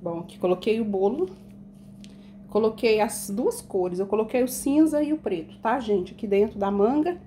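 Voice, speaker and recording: This woman has a dark-toned, mid-range voice and speaks expressively at normal speed, with slight background noise. In her home kitchen she decorates a cake for a casual tutorial, chatting with her viewers as "gente" and explaining each step along the way.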